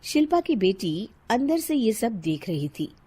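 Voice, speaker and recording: A woman narrating a cartoon moral story in a calm, even voice. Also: on the high side, unhurried, slightly rough.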